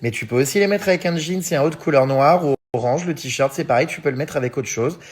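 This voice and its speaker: Talking fast with a fairly high, breathy voice, a man in his thirties shares casual stories with his followers on his vlog. He reads fan messages aloud and responds to them, chatty, loaded with fillers such as hein and euh, and often laughing along the way.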